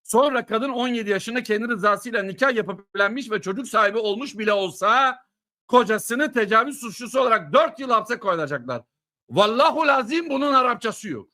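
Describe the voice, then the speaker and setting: A middle-aged man giving a heated political monologue, sarcastic and emphatic, at times breaking into shouts. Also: very high voice, lively intonation, brisk. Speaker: political commentator.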